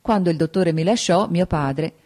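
Woman reading a novel aloud, slow and steady, deep mellow voice. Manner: measured, unhurried storytelling. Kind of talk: literary audiobook narration.

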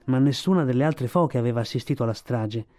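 Man, audiobook narrator, steady delivery, soft music underneath. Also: mid-range voice, quick pace. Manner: steady storytelling.

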